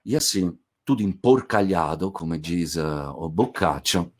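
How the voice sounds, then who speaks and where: A man casually retelling a classic tale aloud, animated and playful. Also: low voice, a little slow. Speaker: storyteller.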